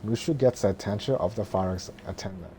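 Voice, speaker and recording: A man reading a film script as narration in a monotone, droning way, halting and stumbling over words. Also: lowish voice.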